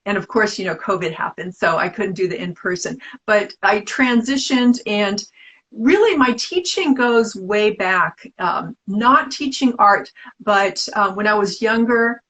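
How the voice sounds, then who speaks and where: A woman's voice: medium pitch, expressive, measured pace, fairly bright tone, rough recording. A middle-aged woman artist from the Bay Area, talking casually and at length in an interview, with many restarts and fillers. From San Francisco Bay Area. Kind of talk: casual interview over a live video stream.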